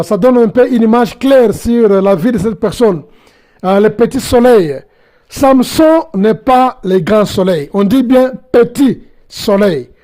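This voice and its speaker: A man teaching a sermon, slow and hesitant, pausing often and repeating key phrases as he explains. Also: extremely high pitch, a little mellow. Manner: hesitant, many pauses and repetitions. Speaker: Bible teacher.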